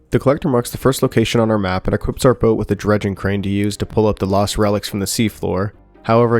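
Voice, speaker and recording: Low-voiced man narrating a game review. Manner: steady, dry, with light jokes. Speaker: gaming YouTuber. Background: soft background music.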